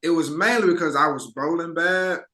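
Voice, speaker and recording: A man's voice: fairly high pitch, fairly quick, sharp tone. A man hosting a podcast in casual chat, rambling and repeating words as he tells a story. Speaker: podcast host.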